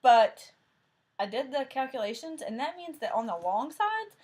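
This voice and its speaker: This crafting vlog host speaks in a high, very animated voice with a darkish tone and a moderate pace. A Tennessee native with a thick Southern accent, she chats and rambles about cross-stitch projects, full of fillers and self-corrections.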